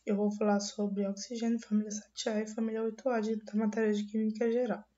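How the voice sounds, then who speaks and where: A young woman with a cold, her voice hoarse yet dark and mellow, gives a student class presentation. She reads from her slides at a fairly quick pace, medium in pitch and flat and even in tone, often restarting words. The recording sounds dull and lo-fi.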